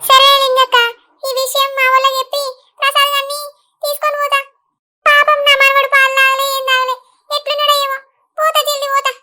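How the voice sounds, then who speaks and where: A woman's voice: very high voice, completely flat delivery, a little fast, sharp tone, exaggerated voice. A woman voicing a worried village grandmother in a cartoon, with a Telangana Telugu accent, pleading anxiously for news of her grandson.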